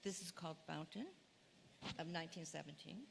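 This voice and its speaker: Standing before an audience in a lecture hall, a woman instructor previews her course in a deep, steady, creaky voice, speaking fairly quickly. She's chatty and self-deprecating, with lots of fillers. The hall adds long reverb and faint room noise.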